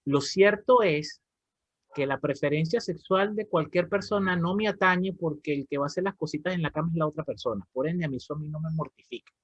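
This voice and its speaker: A man's voice: fairly high pitch, a little fast, no room sound. Venezuelan man leading a discussion. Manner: lively, explanatory, often checks in with "¿ok?". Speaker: reading club leader. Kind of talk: moderating an online reading discussion. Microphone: video call. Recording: dry, slightly dull call audio.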